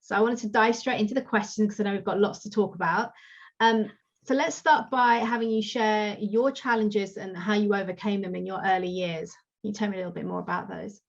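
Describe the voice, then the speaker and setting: With a mid-range voice and some vocal fry, a career-coach podcast host delivers a slick, cheerful promotional intro and then interviews her guest. She keeps a steady tone and speaks a little fast, over dull, lo-fi audio.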